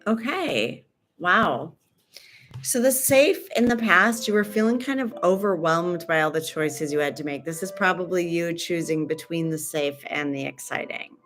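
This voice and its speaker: A woman's voice: lowish voice, lively intonation, moderate pace, a bit bright, soft background music. A woman casually reading tarot cards for her livestream, chatty and rambling, trailing off mid-sentence and throwing in joking asides. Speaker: tarot reader and stream host.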